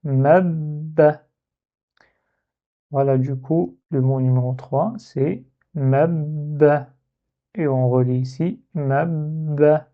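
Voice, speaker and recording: A man teaching a lesson step by step, patient, and repeating words slowly so they can be copied. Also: a little high, fairly even intonation, narrow, tinny audio. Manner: slow, patient, repeats words to model pronunciation.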